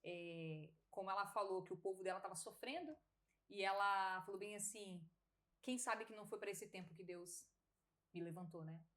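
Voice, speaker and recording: A Brazilian woman with a Brazilian Portuguese accent shares her personal testimony as a guest on a podcast, in a casual storytelling style. Her voice is medium-pitched and her pace moderate; she's animated, laughing often as she acts out dialogue.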